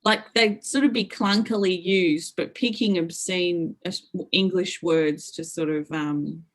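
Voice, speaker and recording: A middle-aged woman, a media lecturer, is a guest in an academic interview, speaking unhurriedly in a fairly low voice with fairly even intonation. She thinks aloud as she explains, thoughtful and full of fillers, restarts and hedges.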